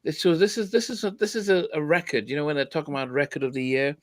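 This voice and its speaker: A man's voice: a little high, steady tone, quick pace, no echo. A man hosting a podcast, chatting casually about an album with lots of restarts. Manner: hesitant, many restarts and fillers. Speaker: podcast host. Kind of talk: casual music review chat.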